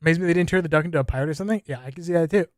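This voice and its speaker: Young male streamer, high and dry, excitable slang reaction chatter. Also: very fast, dry recording. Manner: excitable, slangy, talks to chat. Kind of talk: casual reaction commentary.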